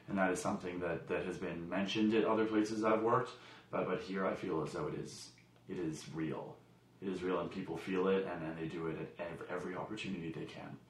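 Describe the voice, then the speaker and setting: A young man, a camp song leader, telling his story in an animated, emphatic way. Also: low-pitched, echoey room, low-quality recording. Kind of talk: casual interview talk.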